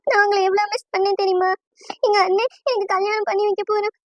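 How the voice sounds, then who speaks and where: Super high pleading cartoon girl about to be married, woman doing the voice, dry recording. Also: level tone, quick pace, no echo, lo-fi sound. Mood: tearful. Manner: pleading, emotional, high-pitched. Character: young bride-to-be woman, tearful and devoted. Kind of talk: cartoon voice acting.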